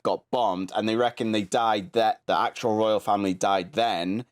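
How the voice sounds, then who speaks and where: A man's voice: lowish voice, fairly even intonation, normal speed, clean tone. A man in casual chat on a video call, rambling and laid-back, swearing now and then. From United Kingdom. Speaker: guest.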